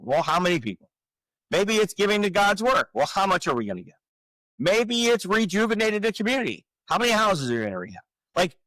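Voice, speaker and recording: A man in his forties, a real estate coach talking on a podcast, explaining his framework with energetic rhetorical questions. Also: a little high, no echo, poor audio. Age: 40s. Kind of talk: casual podcast talk.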